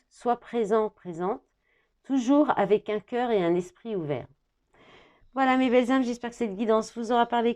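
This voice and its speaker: A woman giving a tarot reading to camera, thinking out loud as she reads the card words and dropping in small fillers. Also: mid-range voice.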